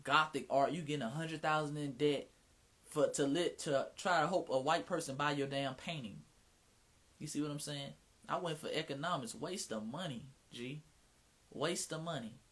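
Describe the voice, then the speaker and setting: A man's voice: a little high, moderate pace, a bit bright. A man from Atlanta with a Southern Mississippi twang, hosting his own livestream in frank, slangy casual chat. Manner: slangy, frank, drops profanity, many restarts.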